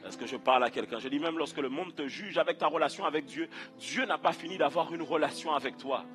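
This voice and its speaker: A man's voice: on the high side, fast, fairly bright tone, faint music behind. A male pastor from Guadeloupe, preaching a fervent sermon with repeated phrases and calls to the congregation.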